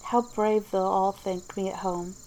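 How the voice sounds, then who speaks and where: A woman's voice: mid-range voice, fairly even intonation, a little slow, mellow, natural voice, rough recording. A woman voicing a curious young girl musing to herself in a whispered storybook reading.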